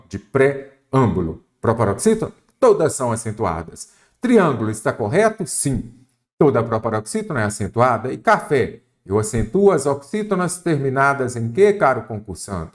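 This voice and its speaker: A man with a Brazilian Portuguese accent teaches an exam-prep grammar lesson, asking questions and answering them himself. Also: mid-range voice. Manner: didactic, asks and answers his own questions.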